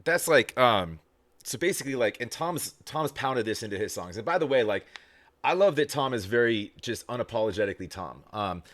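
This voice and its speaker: A man's voice: mid-range voice, animated, a little fast, a bit bright. A man hosting a casual reaction video, rambling with lots of fillers and restarts and casual swearing.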